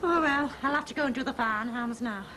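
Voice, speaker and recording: A woman's voice: sits high, a little fast, sharp tone, poor audio. An actress playing a gushing, sentimental woman in a 1980s TV soap, heard on a hissy old broadcast. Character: gushing, sentimental older-ish neighbour woman.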